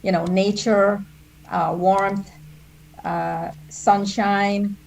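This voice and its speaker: A woman's voice: mid-range voice, little pitch movement, very slow, vocal fry, a little mellow, low-quality recording. A woman from Guyana co-hosting a live panel over a video call, speaking in a reflective, easygoing way with repeated words. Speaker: co-host. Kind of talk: casual panel chat.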